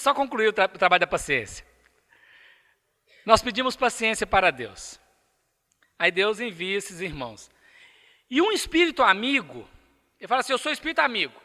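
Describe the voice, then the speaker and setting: In an echoey lecture hall, a man with a Brazilian accent gives a spiritist lecture. His voice is high-pitched, pushed and bright, and he speaks emphatically, putting rhetorical questions to the audience.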